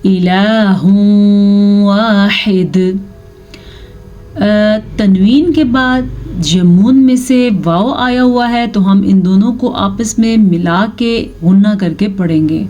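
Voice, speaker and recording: Female tajweed teacher, warm low-key tone, chants slowly then explains briskly. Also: highs cut off. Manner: alternates slow drawn-out chanted recitation with brisk spoken explanation. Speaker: Quran recitation teacher. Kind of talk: tajweed lesson, explaining and demonstrating recitation.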